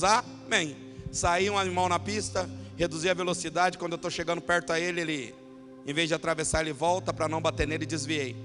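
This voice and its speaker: A man preaching a sermon as pastor, telling a personal story and building from quiet narration to shouted, passionate climaxes. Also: fairly high pitch.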